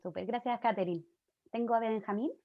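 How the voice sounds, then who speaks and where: Una mujer chilena, invitada como conferencista, habla de manera informal y cercana en una clase en línea, con muchas muletillas. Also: female voice, fairly high pitch, a little fast, background noise. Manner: friendly, informal, many fillers. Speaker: guest lecturer. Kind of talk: online class talk. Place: home, video call. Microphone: computer mic on video call. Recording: dull, dry video-call audio.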